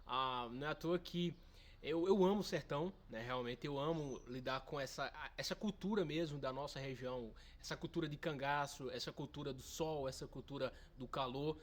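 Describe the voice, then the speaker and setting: A man's voice: medium pitch, normal speed. A man, a nutritionist guest explaining things with enthusiasm. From Brazil's Northeast, Pernambuco. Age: 20s. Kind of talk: interview answers.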